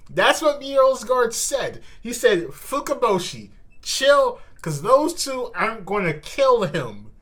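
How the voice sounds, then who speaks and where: An animated host reacts live to manga, speaking slowly in a casual, slangy way packed with repeated words and exclamations. The pitch range is very lively and the tone bright and punchy.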